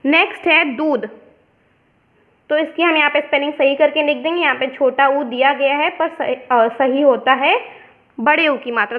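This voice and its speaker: A woman teacher from India explaining a worksheet step by step, mixing English words into her lesson. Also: high voice. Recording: dull lo-fi sound.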